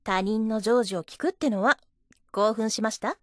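A woman's voice: a little high, moderate pace, fairly bright tone, no room sound, clean studio sound, lightly acted. A woman playing a coy, teasing office wife. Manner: teasing and coy, giggling often. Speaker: voice actress. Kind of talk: adult audio drama acting.

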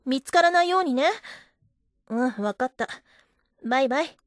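A woman's voice: high voice, moderate pace, no echo, studio quality, natural voice. A woman playing a coy, teasing office wife. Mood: affectionate. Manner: teasing and coy, giggling often. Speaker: voice actress. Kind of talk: adult audio drama acting.

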